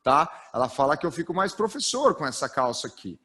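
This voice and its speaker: A man in his thirties gives a live storytelling workshop from a stage, with a fairly high voice and pitch that swings widely. He speaks with lots of energy and ends his points with a questioning "tá?". His delivery is engaging and animated. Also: brisk, slightly rough. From Brazil. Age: 30s. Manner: energetic, tags sentences with a questioning "tá?". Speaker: storytelling trainer. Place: stage of a live training event.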